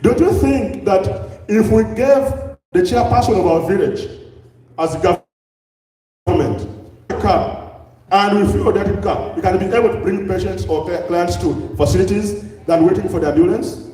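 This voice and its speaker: A man with a Ugandan accent addresses an audience in a large, echoing hall, heard from well back from the microphone. His voice sits high but sounds mellow, and he presses the room with question after rhetorical question. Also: normal speed. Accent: Ugandan English. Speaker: public health speaker. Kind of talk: lecture to a live audience. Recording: echoey hall, distant mic.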